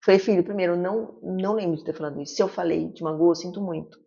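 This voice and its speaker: A woman in her fifties talks quickly in a fairly low voice as a psychiatrist guest. She tells stories with animation and acts out the lines she quotes. The recording sounds dull and lo-fi. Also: creaky, husky. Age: 50s. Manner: lively storyteller who acts out quoted dialogue. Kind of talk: casual interview conversation. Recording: muffled lo-fi recording.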